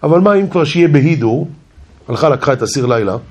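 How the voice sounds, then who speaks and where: A man telling a comic tale in an animated, jokey narrating manner. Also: a little high. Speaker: storyteller. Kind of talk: comic storytelling.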